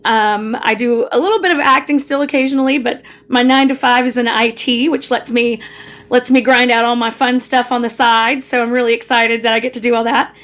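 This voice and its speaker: A woman's voice: on the high side, steady tone, fairly quick, fairly bright tone. An enthusiastic, gushing woman chatting casually as co-host of a panel. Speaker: podcast co-host.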